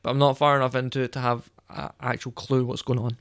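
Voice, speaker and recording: A man's voice: mid-range voice, level tone, quick pace, a bit bright, clear, resonant tone, dry recording, studio quality. A man co-hosting a podcast in casual chat, rambling and hesitant with lots of fillers. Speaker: podcast co-host.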